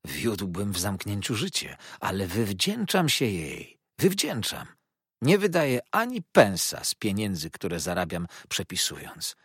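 A man voicing a gentle, eccentric older gentleman in a storybook reading, speaking slowly and earnestly. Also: fairly low pitch, wildly swooping pitch, slightly rough, no room sound, clean studio sound, exaggerated voice. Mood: confiding.

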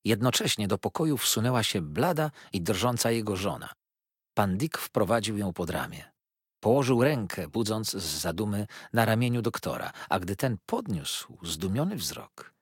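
A man reading a classic novel aloud in an expressive, theatrical way. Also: on the low side, breathy edge, dry recording, clean studio sound. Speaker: audiobook reader. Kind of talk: scripted narration of a classic novel.

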